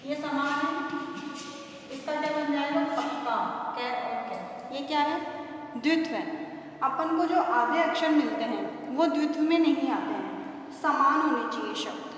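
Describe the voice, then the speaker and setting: A woman teacher giving a grammar lesson, asking questions and answering them herself, stretching key words slowly. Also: high-pitched. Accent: Hindi, North Indian. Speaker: school teacher. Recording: echoey distant room recording with faint noise.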